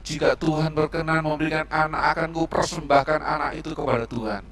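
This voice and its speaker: A woman's voice: sits low, steady tone, brisk, distant mic, faint music behind, lightly acted. A man voicing a tearful childless mother who pleads with God for a son, in an echoey church hall, some way from the mic. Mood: pleading. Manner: pleading, then sobbing with joy.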